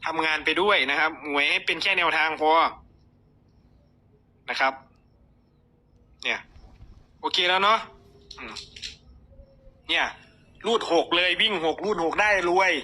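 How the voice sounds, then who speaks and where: A hoarse man with an Isan Thai accent hosts a casual livestream, chatting to viewers and rattling off numbers. His voice sits high for a man and rings very bright and sharp. The cold roughens it throughout. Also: a little slow, pauses often. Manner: chatty, reads numbers aloud, talks to viewers. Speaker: lottery tips livestream host.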